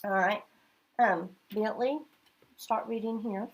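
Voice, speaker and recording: Speaking slowly with a breathy edge, this middle-aged woman from Oklahoma has a mid-range voice and fairly even intonation. She chats her way through teaching a class, frequently checking on students with "okay?"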